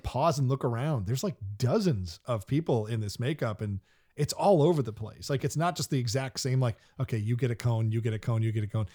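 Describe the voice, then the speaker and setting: Male podcast co-host, loose and rambling, average pitch. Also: darkish tone. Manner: rambling, laughs often, many fillers. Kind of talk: casual chat.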